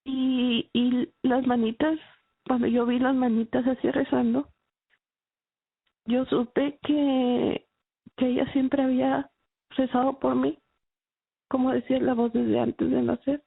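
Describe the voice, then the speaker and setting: A woman giving a halting, emotional personal faith testimony, with many restarts. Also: high voice, little pitch movement, gravelly, husky, no echo. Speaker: testimony speaker. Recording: dry, phone-like narrow sound.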